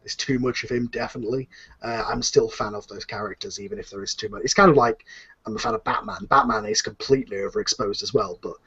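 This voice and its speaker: On a muffled lo-fi recording, a man who writes an audio drama chats enthusiastically on a casual panel, rambling with lots of fillers and restarts. His voice is lowish and husky with a sharp tone, and he speaks fast and animatedly.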